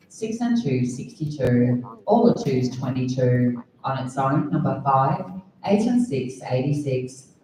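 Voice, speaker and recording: A woman with an Australian accent working as a bingo caller, reading out numbers and hall announcements in a measured, formulaic way. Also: mellow. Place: large bingo hall over a PA. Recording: echoey hall PA, distant, faint rumbling noise.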